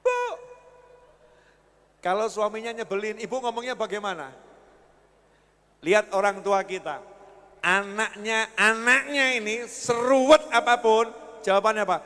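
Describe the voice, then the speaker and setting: High-voiced man preaching in an echoey hall. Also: unhurried, pauses often, pushed and bright. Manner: jokey, quizzes the audience. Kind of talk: sermon. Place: religious gathering hall. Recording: echoey hall with long reverb.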